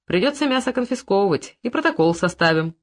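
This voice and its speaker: A reader voicing a brisk male investigator in an audiobook, questioning with dry, mildly mocking persistence. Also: mid-range voice, big pitch swings, natural voice. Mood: probing.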